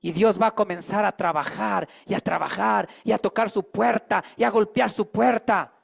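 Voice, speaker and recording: A man's voice: high voice, fairly even intonation, moderate pace, vocal fry, breathy edge. A man preaching a sermon as pastor, emphatic and calling on the congregation to repeat after him.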